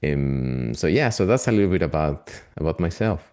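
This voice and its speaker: Being interviewed for a webinar, this man from Argentina works as an AI consultant and speaks with a Latin American Spanish accent. He comes across as friendly yet hesitant, filling pauses often, in a very deep, expressive, slightly mellow voice at a moderate pace.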